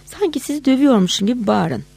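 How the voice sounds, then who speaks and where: A woman voicing a frustrated male policeman who pleads and then shouts angrily. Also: fairly high pitch, lively intonation, fast talker, creaky, breathy edge, full character voice. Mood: coaxing. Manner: wheedling, then shouting curses.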